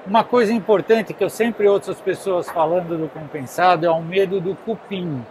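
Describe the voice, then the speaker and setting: A man in his forties, a show host, asking quick follow-up questions at an indoor boat show stand. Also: high-pitched, darkish tone, a little hiss or hum, rough recording. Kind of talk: casual interview at a trade show. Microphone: handheld recorder.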